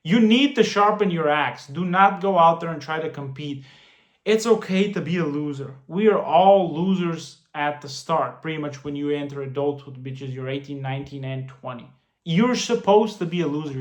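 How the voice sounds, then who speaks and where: A man in his late twenties giving casual money advice to the camera, earnest and prone to repeating and restarting phrases. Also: fairly high pitch. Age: 20s. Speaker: finance vlogger. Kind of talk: casual talking-head advice. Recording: roomy echo.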